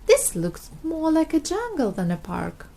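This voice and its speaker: A woman's voice: high voice, wildly swooping pitch, measured pace, vocal fry, dark tone, voice pushed up, full character voice. A woman voicing a blustery, good-natured father pig in a children's storybook. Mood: blustering.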